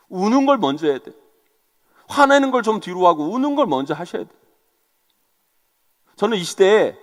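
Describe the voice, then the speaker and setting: A male senior pastor giving an animated sermon, acting out quarrels and speaking straight to his congregation. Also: sits high, long reverb tail. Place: church sanctuary.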